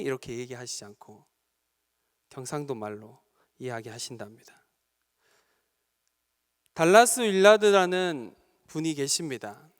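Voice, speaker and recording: A male pastor from Gyeongsang Province preaching an earnest, exhorting sermon to a youth service in a church sanctuary. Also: fairly high pitch. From Gyeongsang Province, Korea. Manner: earnest, exhorting, building to fervent appeals. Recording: long reverb of a church sanctuary.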